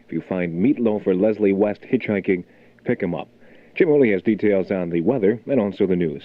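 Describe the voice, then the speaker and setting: This low-pitched, slightly fast male DJ hosts morning rock radio from a studio, delivering relaxed, chatty album rock patter and local announcements. There's no room sound; the 1980 aircheck is muffled and phone-like, with music in the background.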